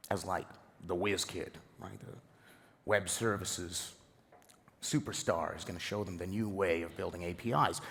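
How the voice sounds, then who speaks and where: A man giving a conference presentation, hoarse from the flu, speaking in an energetic, joking, conversational way. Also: sits low. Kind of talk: keynote presentation. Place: conference event stage. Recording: long reverb of a conference hall.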